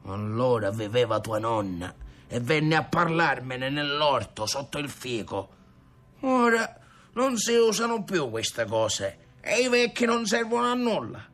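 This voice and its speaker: A man doing a stern, slow old grandfather. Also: mid-range voice, a bit bright, lightly acted. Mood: stern scolding. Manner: slow, scolding.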